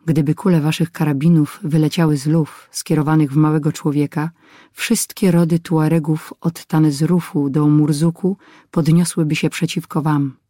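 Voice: mid-range voice, little pitch movement, moderate pace, mellow, no echo, studio quality, lightly acted. A narrator reading a stern Tuareg warrior. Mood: solemn. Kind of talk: audiobook reading.

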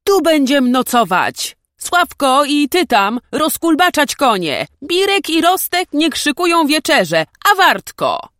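A woman voicing an eager, bitter young male nobleman who talks loudly in old-fashioned speech. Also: fairly low pitch, slow pace, no echo, clean studio sound, voice pushed up. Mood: shouting. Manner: loud and excited, archaic speech.

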